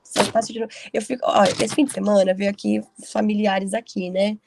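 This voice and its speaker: A woman's voice: mid-range voice, level tone, brisk, creaky, darkish tone, a little hiss or hum. A woman leading a casual group Bible study, telling stories in a chatty way with frequent tag questions. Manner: chatty storytelling with frequent "né" tags.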